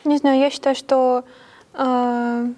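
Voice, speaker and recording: Mellow-voiced young woman student. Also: sits high, little pitch movement, takes it slowly. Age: young adult. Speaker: university student. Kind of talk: casual discussion.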